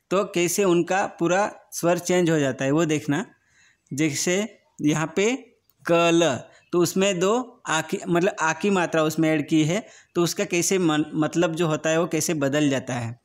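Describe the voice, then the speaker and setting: A man teaching a grammar lesson to young children, patient and repetitive, often asking whether it is clear. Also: on the high side. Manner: slow and patient, often repeating words and asking if it is understood.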